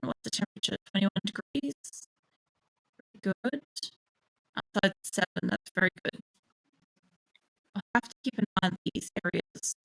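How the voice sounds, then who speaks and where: A woman's voice: medium pitch, creaky, fairly bright tone, dry recording, low-quality recording. A woman thinking aloud while streaming a game, sleepy and yawning, rambling and swearing casually at a desk microphone. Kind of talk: live-streamed gameplay commentary.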